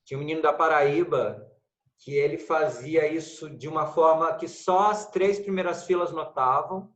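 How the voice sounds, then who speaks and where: A man's voice: on the high side, normal speed, fairly bright tone, echoey room. A man with a Brazilian Portuguese accent in an acting class, asking questions and telling stories. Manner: questioning, anecdotal. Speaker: acting student. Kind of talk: class discussion.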